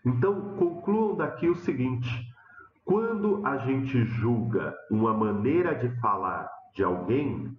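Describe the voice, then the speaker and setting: A man with a São Paulo Portuguese accent teaching a lesson, lively and questioning, acting out students' voices. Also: takes it slowly. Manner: animated, acts out students' questions with rising pitch. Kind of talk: lecture to students. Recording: dull, roomy classroom sound.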